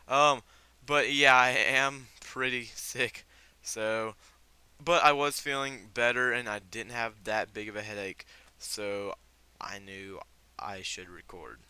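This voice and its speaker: A man's voice: medium pitch, fairly even intonation, slow pace, bright, forceful tone, clear, resonant tone. A teenage boy with a fever giving casual, rambling commentary on his game, full of fillers and startled reactions. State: sick with fever. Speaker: gamer.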